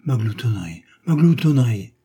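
A man's voice: mid-range voice, measured pace, dark tone, breathy edge. A man voicing a flustered, greedy bourgeois husband who stammers and then blusters in annoyance. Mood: irritated.

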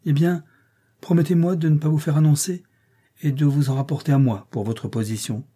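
A man reading an audiobook, voicing a brusque, teasing wealthy gentleman employer. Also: fairly high pitch, steady tone, brisk, husky, voice pushed up.

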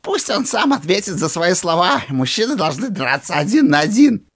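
A man's voice: high voice, sing-song, moderate pace, fairly bright tone, breathy edge, voice pushed up, exaggerated voice. Man putting on a jeering old junkyard bully. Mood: menacing. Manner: jeering, sneering taunts. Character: spiteful taunting middle-aged male junkyard owner. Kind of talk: audiobook character voice.

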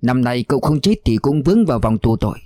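A man's voice: mid-range voice, animated, quick pace, warm tone, no echo, studio quality, close to an everyday voice. A man voicing a shaken old village fortune teller who stammers out a warning.

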